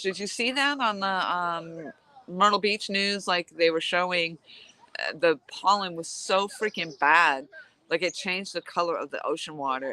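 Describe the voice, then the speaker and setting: At a lakeside camp, a woman vlogs outdoors while fishing, chatting casually and rambling as she laughs easily. Her voice is deep, nasal and fairly bright.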